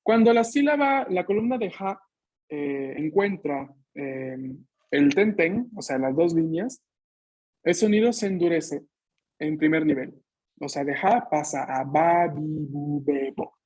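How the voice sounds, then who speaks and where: A man's voice: fairly high pitch, animated, a little mellow. Patient man teaching a language class. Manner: explains patiently, ending phrases with tag questions; models sounds slowly for repetition. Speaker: Japanese teacher. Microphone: video call.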